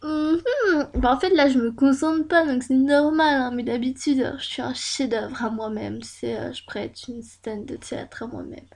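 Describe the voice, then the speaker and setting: A woman's voice: high voice, fairly even intonation, moderate pace, vocal fry, few pauses, a little mellow. A woman YouTuber chatting casually over a screen recording at home, rambling with many fillers and self-mocking asides. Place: at home at her computer.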